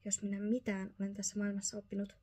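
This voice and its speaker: A woman's voice: mid-range voice, monotone, warm tone, close to an everyday voice. A woman voicing an agitated, fussy male father mouse in a whispered role-play bedtime story, exclaiming in despair.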